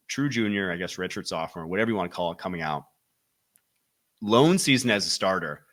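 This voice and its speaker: A young man from Wisconsin with a Wisconsin accent, hosting a solo football podcast with energetic, rapid-fire commentary that stresses key words. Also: low-pitched. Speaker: football draft analyst podcast host.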